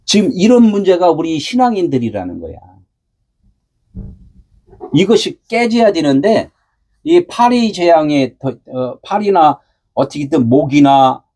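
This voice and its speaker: A husky-voiced man preaches a sermon in a high, restless voice. His pitch swings up and down as he fires questions at his listeners and answers them himself. At times he lifts his voice to a preacher's shout. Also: sing-song, measured pace, long pauses. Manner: asks the congregation rhetorical questions and answers them. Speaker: pastor.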